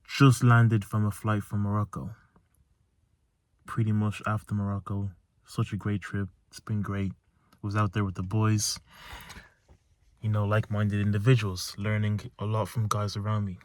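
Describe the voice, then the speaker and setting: This young man's voice is fairly low and darkish, with a flat delivery at a moderate pace and frequent pauses. A self-improvement vlogger, he sits in his parked car at night giving an earnest, emphatic motivational reflection, repeating key phrases, with no room sound.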